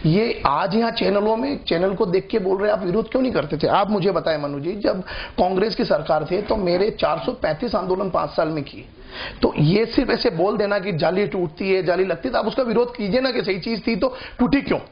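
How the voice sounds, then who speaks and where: Gravelly high-voiced combative politician man. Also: a little fast. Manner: combative, talks over opponents, repeats points. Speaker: political party spokesman. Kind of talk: heated televised political debate. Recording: dull lo-fi broadcast audio.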